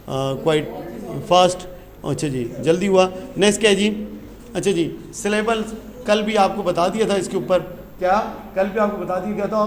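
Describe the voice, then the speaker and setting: High-voiced male teacher, echoey room. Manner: mixes English phrases into Urdu explanations, asks and answers his own questions. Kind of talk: classroom lesson explaining English grammar.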